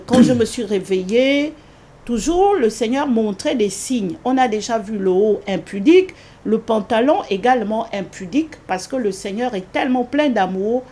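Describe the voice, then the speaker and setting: A woman giving an earnest spoken religious testimony in an interview, repeating phrases often and pausing with hesitations. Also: animated, dark tone. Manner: earnest, repetitive, with many hesitations; rises sharply in pitch when quoting her own pleas.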